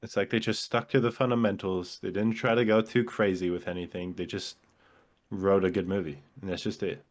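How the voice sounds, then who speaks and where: A man's voice: sits low, fairly even intonation, brisk. A man co-hosting a casual podcast chat, explaining his views on films at length in an analytical way. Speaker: podcast co-host.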